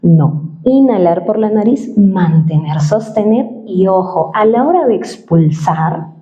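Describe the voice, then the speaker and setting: Her mid-range, mellow voice moves unhurriedly with lively intonation as she explains voice exercises during an interview. A voice-over and dubbing worker, she often ends points with a questioning tag while giving voice-training advice. The recording is roomy and slightly dull.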